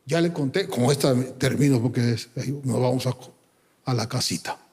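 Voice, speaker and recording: A man's voice: medium pitch, normal speed, a little mellow, husky. A male preacher giving a fervent sermon and prayer, calling his listeners brother. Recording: long hall reverb.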